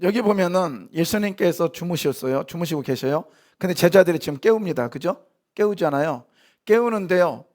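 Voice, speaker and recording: A man preaching a sermon in a church, lively, asking the congregation questions and answering them himself, now and then acting out short lines. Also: on the high side, moderate pace. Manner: acts out short quoted lines in sharp voices. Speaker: pastor. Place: church sanctuary.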